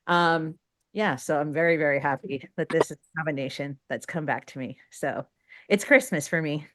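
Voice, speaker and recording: A woman's voice: low voice, normal speed, fairly bright tone. A woman chatting casually as a livestream guest, thinking aloud with frequent fillers. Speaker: podcast guest.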